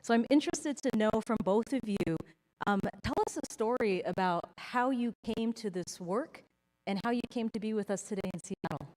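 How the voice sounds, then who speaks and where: A woman's voice: medium pitch, normal speed, a little mellow. A woman moderating a conference panel, friendly and chatty with a light joking manner. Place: large conference hall. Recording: reverberant large hall.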